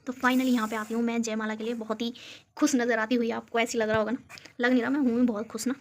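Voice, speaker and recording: Young female home vlogger from Uttarakhand, chatty and giggly, talks to viewers on a phone; highish, even-toned voice. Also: fast. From Uttarakhand, India. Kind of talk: casual chat showing a photo album. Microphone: phone camera.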